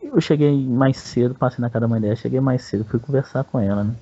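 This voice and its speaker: A man's voice: medium pitch, quick pace, mellow, breathy edge, highs cut off. A Brazilian man telling a personal story in a rambling, crude way, with a lot of slang. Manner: rambling and crude, peppers speech with "velho". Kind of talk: casual storytelling.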